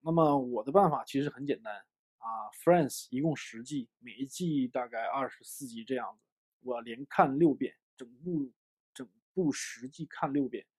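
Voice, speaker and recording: A man from China giving an English lesson, explaining with lots of fillers and lively emphasis. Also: medium pitch, normal speed, slightly rough. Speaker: English teacher. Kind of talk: online lesson.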